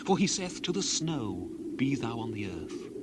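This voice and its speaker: An actor playing Elihu as an earnest, indignant biblical orator, declaiming dramatized scripture in a solemn, rhetorical way. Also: male voice, mid-range voice, sing-song, measured pace. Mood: awed, hushed. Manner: solemn, declamatory, rhetorical, swinging from hushed to loud. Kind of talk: dramatized King James scripture reading. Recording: clear background noise, outdoor bird ambience.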